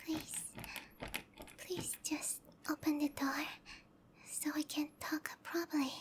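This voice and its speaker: In a roleplay ASMR, a woman voices a sweet, obsessive young snake-monster girlfriend, soft and whispery with a cutesy, pleading delivery. Her voice sits high, level in tone and slow, and the mood is pleading and hurt.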